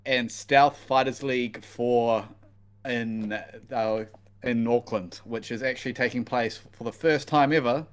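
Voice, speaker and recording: A man's voice: medium pitch, fairly even intonation, measured pace, smooth. Laid-back man with a broad Kiwi accent. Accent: broad New Zealand. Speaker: podcast co-host. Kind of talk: casual fight preview chat.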